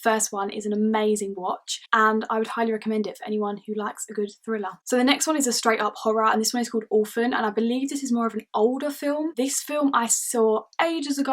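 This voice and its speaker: A young woman chatting casually to camera as a vlogger, full of fillers like "kind of" and "like". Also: mid-range voice.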